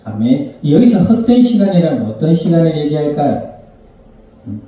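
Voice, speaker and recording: Male pastor, a bit high-pitched, mellow tone. Chatty sermon style, asks the room questions. Far-off mic in a very reverberant church. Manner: conversational preaching, asking the congregation questions and acting out little scenes. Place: church sanctuary. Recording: very echoey church hall, mic at a distance.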